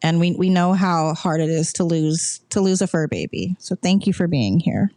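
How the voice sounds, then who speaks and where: A woman's voice: on the low side, moderate pace, warm tone, no echo. A woman co-hosting a podcast, earnest and effusive, often repeating her thanks. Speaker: podcast co-host. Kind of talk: casual chat.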